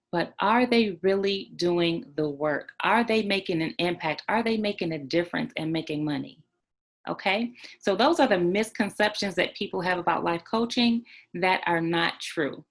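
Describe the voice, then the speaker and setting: A woman's voice: medium pitch, a little slow. A woman giving an online training on life coaching, emphatic, repeating key points and checking in with "right?" and "okay?".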